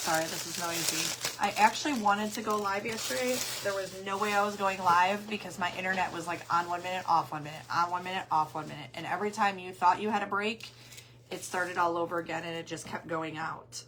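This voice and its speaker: Hoarse woman chatting on a livestream. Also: medium pitch, noisy background. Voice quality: hoarse, voice cutting in and out. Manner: chatty, greeting viewers by turns. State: losing her voice after coughing. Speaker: craft livestream host. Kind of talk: casual livestream chat with viewers.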